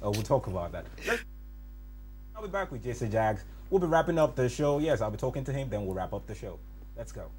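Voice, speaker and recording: A man's voice: mid-range voice, very animated, a little fast, darkish tone, breathy edge. A man hosting a studio interview, interjecting often with short reactions. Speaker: TV show host.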